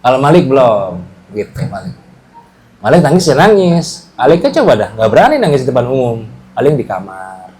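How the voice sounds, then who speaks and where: In a small-group religious study session, a male teacher explains casually and keeps asking whether the class is with him. His voice is mid-range, and he speaks a little fast.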